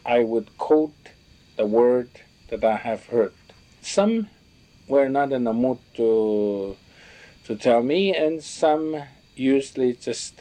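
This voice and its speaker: A man recalling what elders taught him, talking in a reflective, halting way with many restarts as he searches for words. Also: medium pitch, mellow. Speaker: storyteller recalling teachings from elders. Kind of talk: reflective spoken recollection.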